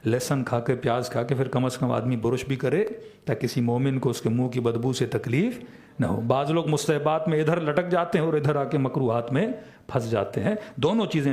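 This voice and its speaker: A man's voice: medium pitch, a little mellow. Urdu-accented man lecturing with rhetorical questions. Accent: Pakistani Urdu. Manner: asks rhetorical questions and answers them himself. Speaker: Shia cleric. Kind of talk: religious lecture.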